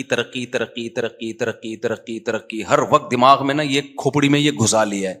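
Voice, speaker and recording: A man's voice: mid-range voice, a bit bright. Male cleric in his forties, from Pakistan, casual lecturing style, chanted scripture, mic'd for a live audience. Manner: digressive and chatty, chants Quranic Arabic verses and then explains them. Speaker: mufti, religious teacher. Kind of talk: conversational religious lecture. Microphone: microphone.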